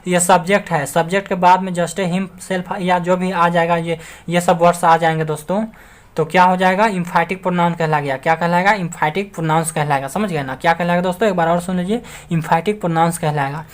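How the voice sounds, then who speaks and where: A man's voice: high voice, steady tone, fairly quick. Man, English grammar teacher, online lesson, repetitive rhetorical questions, addresses viewers as friends. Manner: keeps addressing listeners as friends.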